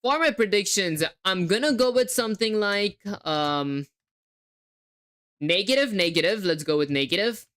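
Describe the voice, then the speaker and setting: This young streamer's accent is a difficult-to-place hybrid, and her medium-pitched voice is animated and fairly bright at a moderate pace. She codes live while thinking aloud, chatting with viewers and spelling words letter by letter.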